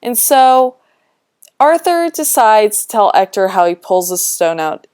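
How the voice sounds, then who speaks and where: A woman teaches a lesson in a chatty, easygoing way, walking through a text on screen. Her voice is smooth and clear at a middle pitch, and she reads old quotations aloud with playful voices. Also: very animated, measured pace, darkish tone. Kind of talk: explaining a text while scrolling a document.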